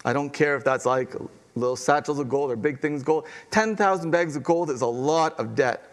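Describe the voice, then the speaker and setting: A man preaching a sermon, telling a parable in a conversational, animated way and acting out the quotes. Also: on the high side, moderate pace. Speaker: pastor.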